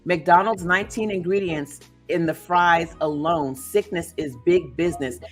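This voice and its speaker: Female host, fairly low voice, emphatic storyteller with asides, faint music underneath. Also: measured pace. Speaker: podcast host and author. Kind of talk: casual discussion.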